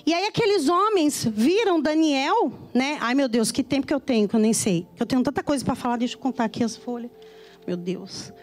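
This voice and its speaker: Woman preacher with a high voice who tells the sermon's story in a chatty way, over faint music. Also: expressive, brisk, darkish tone. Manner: conversational storytelling with tag questions. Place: church.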